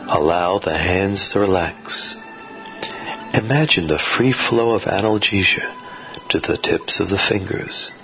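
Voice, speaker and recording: A man narrating guided sleep hypnosis like a soothing sleep-story narrator, with measured, repetitive, suggestive phrasing. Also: sits low. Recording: dull lo-fi audio under music. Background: music.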